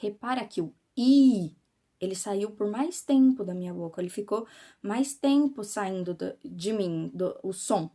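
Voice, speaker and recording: A woman with a Brazilian Portuguese accent teaching a class to children, explaining slowly and patiently and often checking that they follow. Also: mid-range voice, warm tone.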